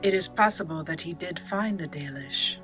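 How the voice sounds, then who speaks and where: On her gaming channel, a woman hosts a let's play of a video game, narrating the roleplay and reading the dialogue aloud expressively. Her voice is lowish at a normal speed, and music plays in the background.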